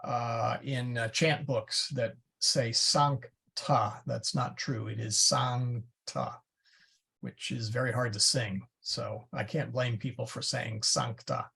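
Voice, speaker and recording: A man's voice: mid-range voice, steady tone, a little slow, creaky, hardly any pauses, bright, forceful tone, breathy edge. A man teaching a Latin class in a casual, chatty way, often stopping to correct himself. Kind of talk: classroom lecture. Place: church classroom.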